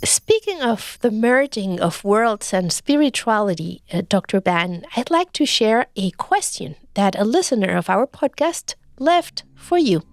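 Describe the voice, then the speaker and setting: A woman hosts a podcast in a measured, reflective tone. Her voice has a gravelly, fry-edged texture. The recording is dry and close. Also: mid-range voice, big pitch swings, no room sound. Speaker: podcast host. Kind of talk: scripted podcast narration.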